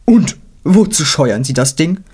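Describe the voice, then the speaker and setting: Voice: mid-range voice, expressive, measured pace, a little mellow, slightly rough. A storyteller voicing an anxious, politely fussy talking horse in a storybook reading. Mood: fretful.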